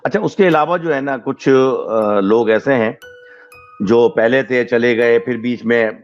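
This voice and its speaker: A male podcast host in a casual chat, thanking listeners by name in a relaxed, chatty way and slipping into English thank-yous. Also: mid-range voice. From Pakistan. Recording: dull lo-fi recording with faint music.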